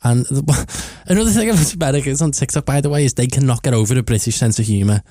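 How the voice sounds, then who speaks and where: A man's voice: medium pitch, fast, dark tone, dry recording, studio quality. A man with a Scouse accent co-hosting a podcast, chatting casually with brash, jokey banter. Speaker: podcast co-host. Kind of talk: casual chat.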